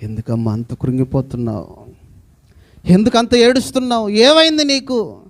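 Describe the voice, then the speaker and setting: A male preacher voicing a caring mother who gently questions her crying daughter. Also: sits high, expressive, normal speed. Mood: concerned.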